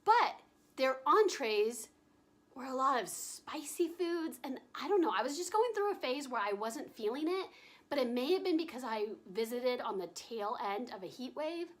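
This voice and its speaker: A woman's voice: high voice, big pitch swings. Bubbly giggly young woman vlogging. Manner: bubbly, giggly, drawn-out enthusiastic gushing. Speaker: travel vlogger. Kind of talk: casual vlog narration.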